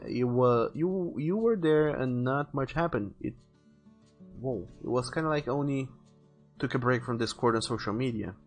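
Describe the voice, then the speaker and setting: Faint music sits behind a man with a slightly high voice, an artist hosting a livestream. He chats casually, reading viewer messages out loud and giving advice.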